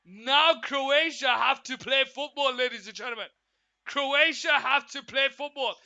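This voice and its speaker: A man's voice: very high voice, unhurried, vocal fry, bright, forceful tone, muffled recording. A man hosting a football watchalong, giving live commentary and repeating phrases as he puts questions to his viewers. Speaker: football watchalong livestream host.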